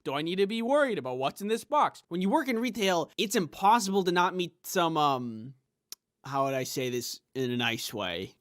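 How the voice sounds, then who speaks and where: A man's voice: on the high side, very animated, moderate pace, a bit bright, no echo. A man doing comedic vlog talk to camera, jokey and self-mocking. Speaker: YouTuber.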